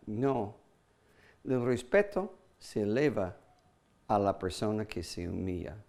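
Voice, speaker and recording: Slow, emphatic male preacher. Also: mellow. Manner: emphatic, with sudden pitch jumps and hesitant fillers; acts out short quoted apologies. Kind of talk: sermon.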